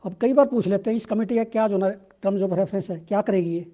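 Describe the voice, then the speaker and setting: A man with an Indian accent, teaching exam questions in a conversational way and reading statements aloud slowly. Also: sits high, mellow, dull audio. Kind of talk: explaining current-affairs exam questions.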